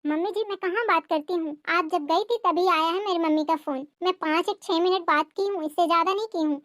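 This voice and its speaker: Cartoon daughter-in-law, young mother, weary and pleading, voiced by a woman; high, dry sound. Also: fairly quick, fairly bright tone, dry recording. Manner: pleading, explaining. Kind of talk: cartoon family drama voicing.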